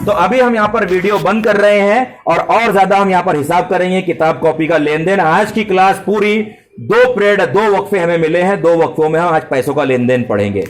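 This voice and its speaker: A man's voice: high-pitched, a little fast. Man teaching a children's math class. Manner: addresses students with polite forms and praise.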